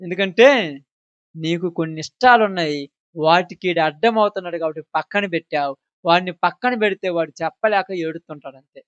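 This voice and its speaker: A man preaching a sermon, talking straight to his listeners and swinging between loud emphasis and quiet asides. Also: high voice, fairly quick, no echo. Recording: dull dry recording.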